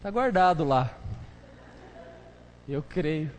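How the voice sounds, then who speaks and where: A man's voice: fairly high pitch, expressive, very slow. A pastor preaching a casual, joking sermon full of slang, chatting with his congregation during a live church service. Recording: live church hall reverb, faint noise.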